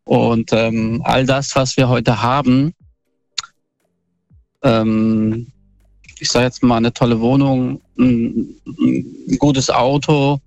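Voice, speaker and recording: A male caller heard over a dull, lo-fi phone line, his voice gravelly and sitting in a mid register. He talks in a casual, halting way, with plenty of fillers and restarts, and the line sounds dry and close with faint music underneath. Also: medium pitch, level tone, a little mellow, no room sound. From northern Bavaria. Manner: hesitant, many fillers and restarts. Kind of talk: casual call-in storytelling.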